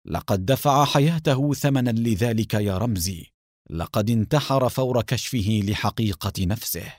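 A man voicing a calm, analytical male police captain who explains in a measured way in a story reading. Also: on the low side, dry recording, clean studio sound, lightly acted. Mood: sorrowful.

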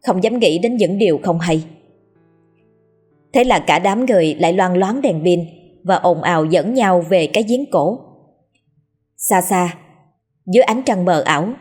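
Husky woman narrating a ghost story. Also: fairly low pitch. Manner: steady, dramatic storytelling. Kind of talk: scripted horror story narration.

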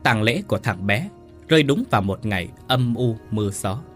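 A man's voice: fairly low pitch, animated, normal speed. A man narrating a dramatic family tragedy story in a grave, dramatic manner. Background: faint music.

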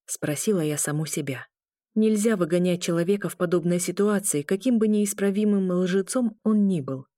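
A woman narrating a novel in the first person, steady storytelling with low asides. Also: normal speed, no room sound, studio quality. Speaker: audiobook narrator.

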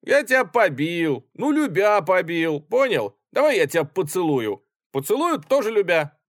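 A man's voice: high voice, very animated, normal speed, no echo, pitched above the performer's own voice. A drunken cavalry captain, as a male reader puts him on, bellowing in a voice pushed far above the narrator's own. He stammers when enraged, then swings to jovial boasting. The reading is dry and close. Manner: shouting, stammering with rage. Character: drunken blustering cavalry captain, man, hot-tempered.

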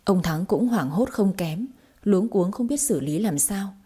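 Warm, husky woman storyteller. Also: medium pitch, expressive, unhurried. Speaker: audiobook narrator. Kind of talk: storybook narration.

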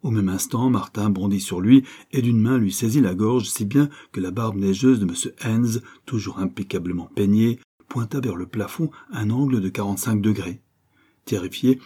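A male audiobook narrator tells the story in a steady, scripted way. His voice is low and dark, with a husky grain. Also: moderate pace.

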